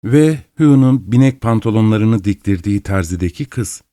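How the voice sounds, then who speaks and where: A man's voice: fairly low pitch, lively intonation, moderate pace, warm tone, no room sound, studio quality, close to an everyday voice. A man voicing a gossipy old spinster woman who giggles and exclaims, in a storybook reading. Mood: gossiping.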